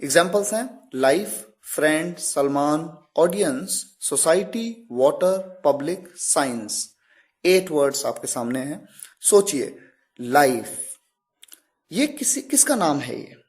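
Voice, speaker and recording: A man teaching English grammar. He explains slowly and deliberately, stops on each example word and keeps asking the listener questions. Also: on the high side, lively intonation, a little mellow. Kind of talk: classroom explanation.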